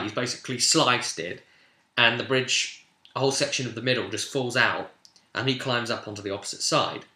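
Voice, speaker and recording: Pushed and bright in the mid-range, this man retells a tabletop role-play session from the game master's side, in a rambling, informal way that drifts into snatches of dialogue. The room has an echo.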